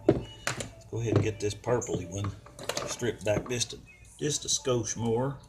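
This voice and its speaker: Working through a repair on video, an older DIY mechanic from the United States chats casually to himself in a folksy, colloquial mutter. He speaks lowish and unhurried, over heavy background noise.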